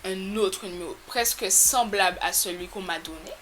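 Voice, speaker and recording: A woman telling a storytime to her camera in a casual, animated, exasperated way, with sudden loud jumps in pitch. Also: moderate pace, background noise. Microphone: camera mic.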